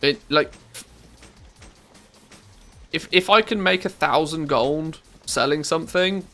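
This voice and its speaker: Faint music plays behind a man from England as he chats casually with his live-stream audience while playing. His English-accented voice is scratchy and harsh, fairly high, slow, bright and forceful. Through a good studio microphone he rambles, self-corrects and muses to chat.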